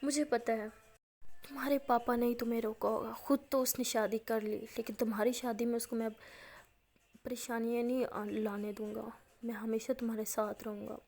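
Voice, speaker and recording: Kind male doctor, fatherly, reassuring, mellow tone, as a woman storyteller voices him. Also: fairly high pitch, little pitch movement.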